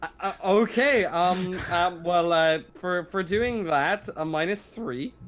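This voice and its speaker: A man's voice: sits high, slow pace, fairly bright tone. A man running a tabletop game as game master, narrating the action casually, with faint noise behind him.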